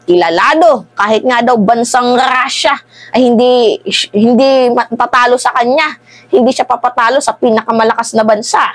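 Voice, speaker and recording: Woman political vlogger, chatty and animated, slightly higher voice, dry close recording. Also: dry recording. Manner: conversational, animated, keeps asking "di ba?" and addressing "guys". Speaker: political commentator. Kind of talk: casual political commentary.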